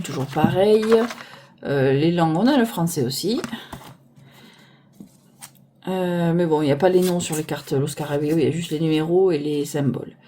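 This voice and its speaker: With a phone on a holder arm filming her, a woman reviews tarot decks informally, rambling and breaking off aloud to search for names. Her voice is low-pitched and mellow, with slight background noise.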